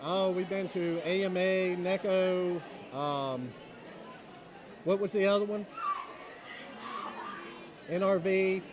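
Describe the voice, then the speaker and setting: A man in cosplay answering interview questions at a convention, in a friendly, relaxed way. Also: high voice, takes it slowly, pauses often, crowd noise. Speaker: cosplayer guest. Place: outdoors at a fan convention.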